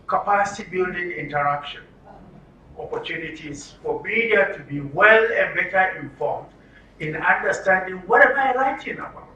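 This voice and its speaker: A high, bright-voiced Nigerian man teaches an orientation workshop for media workers, quizzing listeners and repeating answers and phrases in a didactic way. The lo-fi recording from the echoey live workshop room has roomy echo, a distant mic, and faint noise.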